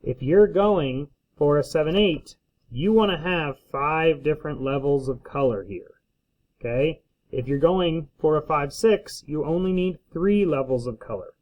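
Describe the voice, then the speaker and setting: Higher-voiced male teacher, slightly dull sound. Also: animated, a little slow. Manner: checks in often with "okay?". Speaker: school teacher. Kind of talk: casual instructional screencast. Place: indoors at a desk, recording a screencast. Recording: slightly dull lo-fi screencast audio.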